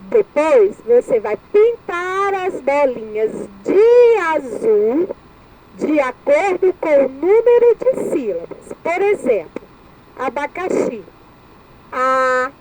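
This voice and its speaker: A woman's voice: sits high, sing-song, slow, dark tone, slight background noise, low-quality recording. A woman with a Brazilian Portuguese accent teaching a recorded lesson to young children, sounding out words syllable by syllable and repeating each one. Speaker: primary school teacher.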